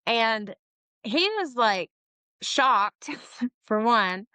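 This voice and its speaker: A woman's voice: on the high side, animated, drawn-out words, bright, forceful tone, no echo. A woman in her forties, an interview guest, telling her own story in a frank, casual way, laughing often and swearing freely. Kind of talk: candid personal storytelling.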